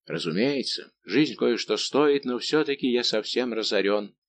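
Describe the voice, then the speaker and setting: A man's voice: medium pitch, expressive, measured pace. A man voicing a bold male musketeer who speaks in a hearty, commanding way. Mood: teasing.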